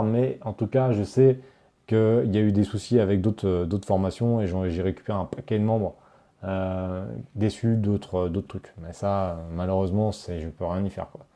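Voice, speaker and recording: An online course creator, a man with a fairly low, dark-toned voice, hosts a live Q&A stream. He chats casually and speaks directly to viewers, reading their chat questions aloud and answering with plenty of fillers and restarts.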